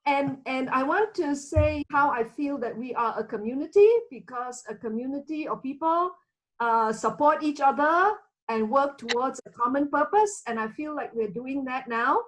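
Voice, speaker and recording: A woman's voice: high-pitched, moderate pace, rough recording. A woman from Malaysia speaking on a video call, chatty and hesitant with many fillers, laughing now and then. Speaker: community member. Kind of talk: casual group video call greeting.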